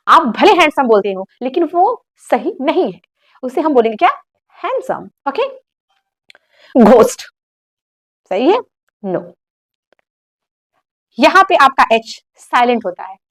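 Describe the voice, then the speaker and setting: A young woman who teaches English gives a classroom lesson in Hindi, correcting words with quick rhetorical questions. Her voice sits high.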